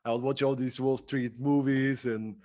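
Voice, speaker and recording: As a guest on a podcast, this entrepreneur and productivity speaker from Bulgaria replies conversationally, enthusiastic and emphatic. He has a medium-pitched, dark voice, steady in tone and moderate in pace.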